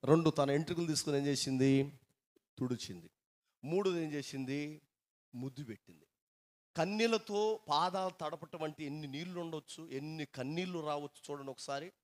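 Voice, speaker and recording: A middle-aged male pastor preaching a sermon, swinging from soft asides to loud dramatic cries. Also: fairly high pitch, moderate pace.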